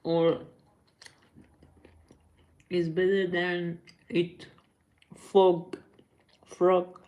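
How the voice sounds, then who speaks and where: A young woman chatting casually with her viewers on a live stream from home, in halting non-native English and laughing often. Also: lowish voice, flat delivery, lo-fi sound.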